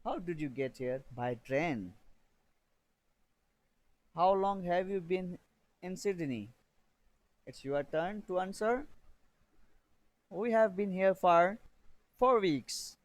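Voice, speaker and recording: A man teaching a beginner English lesson, reading drill sentences slowly and repeating phrases for learners to copy. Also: sits high, animated, low-quality recording.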